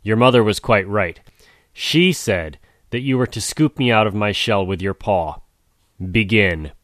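A man's voice: fairly low pitch, expressive, unhurried, a bit bright, no room sound, clean studio sound. A man voicing a clever male tortoise who talks in coaxing, tongue-twisting circles. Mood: sly. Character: sly, wordy male tortoise, calm and clever.

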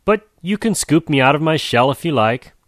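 A man's voice: a little high, animated, normal speed, a bit bright, no room sound, clean studio sound, voice pushed up. A man voicing a cautious male hedgehog who gives advice in an earnest tone. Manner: instructive, earnest.

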